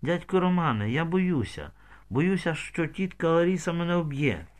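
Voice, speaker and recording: A man's voice: mid-range voice, sing-song, normal speed, a bit bright, voice pushed up. A man voicing a young, frightened village girl in love, pleading and tearful, in an audiobook.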